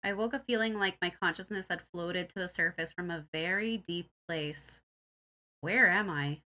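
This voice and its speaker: A woman's voice: on the low side, normal speed, sharp tone. A woman reading a visual novel aloud, narrating the story and acting out its characters.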